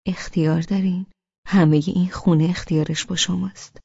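A woman's voice: on the low side, steady tone, vocal fry, warm tone, husky, no echo, muffled recording. A woman reading an audiobook, voicing a middle-aged mother answering politely but defensively. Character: middle-aged mother, patient and slightly hurt.

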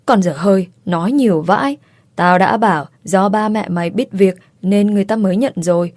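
A woman's voice: medium pitch, brisk, darkish tone, dry recording, natural voice. A woman voicing a blunt, loyal young woman friend who talks brash and teasing, with crude slang.

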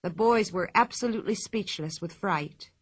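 A woman reading a children's storybook aloud in a clear, expressive, measured way. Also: mid-range voice. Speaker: narrator.

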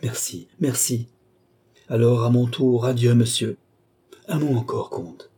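A man's voice: mid-range voice, steady tone, a little slow, dark tone, slightly rough. A man voicing a grieving, hot-tempered young nobleman in an audiobook, with agitated, broken outbursts. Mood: distraught.

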